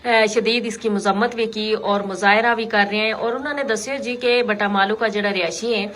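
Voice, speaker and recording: A woman's voice: mid-range voice, fairly even intonation, moderate pace, a bit bright. A woman hosting a radio call-in show, talking to listeners in an unscripted, explanatory, conversational way. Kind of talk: unscripted talk radio commentary.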